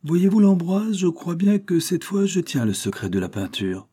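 A man's voice: high voice, sing-song, normal speed, mellow, husky, pitched above the performer's own voice, heavily acted. A man voicing a proud, frail old male painter who exclaims in a raised, strained voice.

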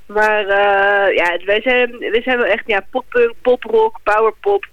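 A woman's voice: medium pitch, steady tone, a little slow, no room sound. Chatty musician woman from The Hague. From The Hague, Netherlands. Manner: chatty, enthusiastic, many restarts. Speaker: band musician, studio guest. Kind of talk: casual radio interview. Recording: slightly dull lo-fi radio sound.

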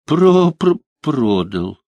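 A man's voice: fairly low pitch, very animated, a little slow, dry recording. A man voicing a cunning, whining male shapeshifting creature with a guttural voice.

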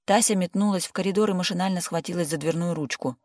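An audiobook reader narrating a comic story with lively, ironic delivery. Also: medium pitch, fast talker, dry recording, clean studio sound. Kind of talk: scripted narration.

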